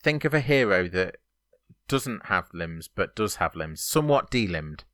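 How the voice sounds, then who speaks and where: A man's voice: deep voice, big pitch swings, unhurried, a bit bright, no echo, studio quality. A man co-hosting a podcast in casual chat, teasing his co-host with playful banter.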